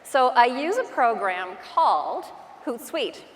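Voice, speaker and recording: A woman's voice: on the high side, sing-song, slow pace. A woman with a Newfoundland accent giving an informal, self-deprecating motivational talk as a conference speaker, telling stories with acted-out asides. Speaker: real estate agent and conference speaker. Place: large indoor conference hall. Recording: long hall reverb from stage.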